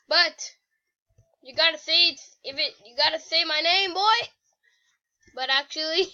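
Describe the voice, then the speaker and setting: A woman's voice: high-pitched, bright, forceful tone. A woman hosting a casual gaming video, rambling and joking in slangy talk. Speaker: channel host. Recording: muffled lo-fi recording.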